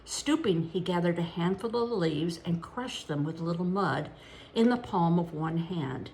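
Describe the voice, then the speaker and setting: An older woman reads a chapter book aloud in a gentle, unhurried way, stopping now and then to correct herself. Her voice sits fairly low. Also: a little hiss or hum, poor audio. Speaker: grandmother reading aloud. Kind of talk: storybook read-aloud.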